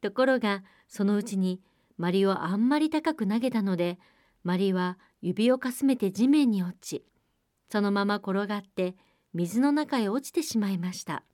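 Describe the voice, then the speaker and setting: Calm female storyteller, medium pitch, dry booth sound. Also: moderate pace, no echo. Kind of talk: fairy tale reading.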